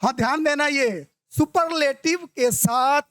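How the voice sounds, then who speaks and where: An Indian-accented man teaches an exam-prep grammar lesson in a notably high voice. He talks at an unhurried pace and says each example sentence slowly and deliberately. The sound is dry, with no room echo. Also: fairly bright tone. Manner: keeps checking if students understood.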